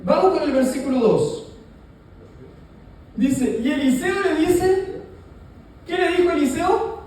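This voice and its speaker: Preacher, man, mellow voice, heard from afar in a very reverberant hall; playful, calls for replies. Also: very high voice, slow pace, far from the mic. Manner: lively, joking, asks the congregation to answer. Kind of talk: sermon. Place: large echoey church hall.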